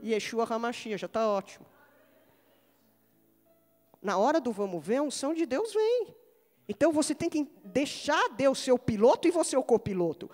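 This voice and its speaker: A woman's voice: high-pitched, very animated, normal speed, pauses often, a little mellow, soft background music. Brazilian woman pastor preaching in a reverberant hall. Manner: humorous storytelling, rising to emphatic preaching. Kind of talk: sermon. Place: large church hall. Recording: long reverb of a church hall.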